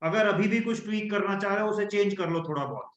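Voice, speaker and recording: A man coaching an online workshop on a video call, animated and acting out the tones he describes. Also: high voice, fast talker. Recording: echoey room, dull lo-fi sound.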